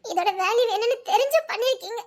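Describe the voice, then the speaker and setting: A woman's voice: very high voice, fast. An actress playing a heartbroken young pregnant wife with a Tirunelveli Tamil accent, sobbing and laughing through tears as she accuses her husband. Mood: distraught. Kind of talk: TV serial acting.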